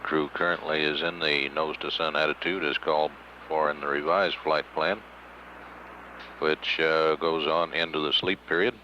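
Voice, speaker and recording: A man's voice: very deep voice, steady tone, normal speed, pushed and bright. A man giving formal, matter-of-fact live status commentary as a mission control announcer. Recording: dull lo-fi archival broadcast, faint noise.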